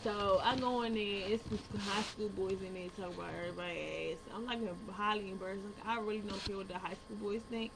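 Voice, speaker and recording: A woman's voice: medium pitch, a little fast, gravelly, hardly any pauses. A young American woman telling a personal story casually to viewers, blunt and slangy, swearing freely and acting out the dialogue. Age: young adult. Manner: animated retelling, acting out dialogue. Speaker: vlogger telling personal stories. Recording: background hum and room noise.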